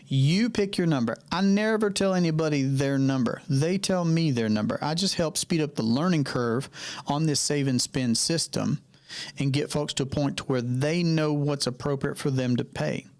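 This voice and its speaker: Conversational coach on a video call. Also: male voice, fairly high pitch, moderate pace, a little mellow. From North Carolina. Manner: conversational, repeats key phrases, addresses participants by name. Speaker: financial coach hosting a Q&A. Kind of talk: live online Q&A.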